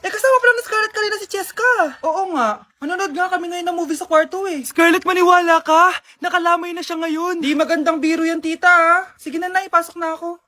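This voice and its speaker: A woman acting in a comedy skit, shouting then speaking softly. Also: very high voice, fairly quick, long pauses.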